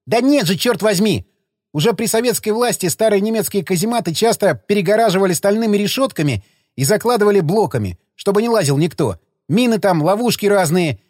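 A frantic, furious young man who keeps yelling at the others, as a male audiobook reader voices him. The voice sits high and cracks with strain and swings wildly in pitch. The recording is close and dry. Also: lively intonation, brisk, no echo. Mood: angry shouting.

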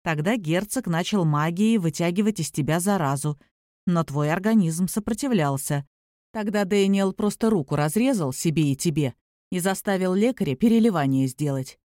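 A woman's voice: fairly low pitch, lively intonation, normal speed, mellow, no room sound, clean studio sound, close to an everyday voice. A woman voicing a friendly, teasing young male werewolf in an audiobook, speaking easily and affectionately. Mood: explaining. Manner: easygoing, affectionate, calls her little one.

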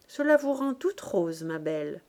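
A woman's voice: on the low side, sing-song, unhurried, a little mellow. A woman reading an audiobook, voicing a wheedling, gossiping old spinster.

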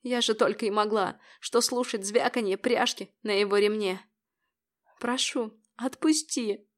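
A woman's voice: medium pitch, steady tone, normal speed. A young adult woman narrating a first-person audiobook in a tense, dramatic way.

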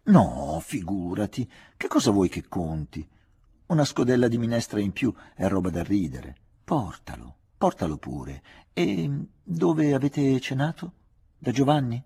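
A man with a husky voice reading the part of an aging father, kindly, fretful and confiding. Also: mid-range voice, animated, a little slow, mellow, pitched above the performer's own voice, full character voice. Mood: warm insisting. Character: aging father, anxious, gentle, talkative.

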